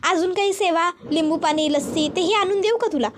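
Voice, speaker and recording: A woman's voice: extremely high pitch, fairly quick, a little hiss or hum. A woman voicing a sarcastic policewoman. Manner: mocking, sarcastic.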